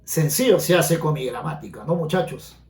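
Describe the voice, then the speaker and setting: Male grammar teacher, high voice, explanatory, echoey room. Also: animated, normal speed, a little mellow. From Peru. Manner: explanatory, asks students frequent check questions. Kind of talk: exam-prep grammar lesson.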